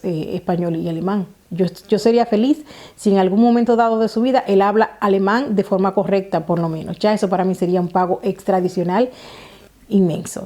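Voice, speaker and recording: A woman's voice: mid-range voice, warm tone. A woman from the Republic, talking to camera in a casual, explanatory way, often repeating herself. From Dominican Republic. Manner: explanatory, repeats phrases, many fillers. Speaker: vlogger.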